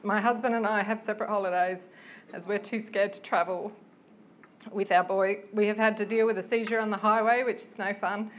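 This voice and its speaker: A woman's voice: medium pitch, steady tone, a little fast. A middle-aged woman giving a prepared public speech as a parent campaigner, speaking earnestly and carefully like a reluctant speaker. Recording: dull, noisy live speech recording.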